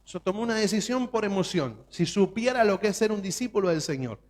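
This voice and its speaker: A man's voice: high-pitched, animated, brisk, a little mellow. A man preaching a sermon as pastor, emphatic and full of rhetorical questions.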